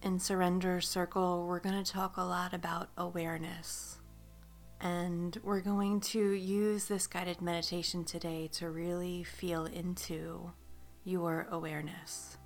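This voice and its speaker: A woman guiding a meditation, speaking slowly and soothingly with drawn-out phrases that sometimes soften to a whisper. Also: fairly low pitch, level tone, soft background music. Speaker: meditation guide. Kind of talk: guided meditation.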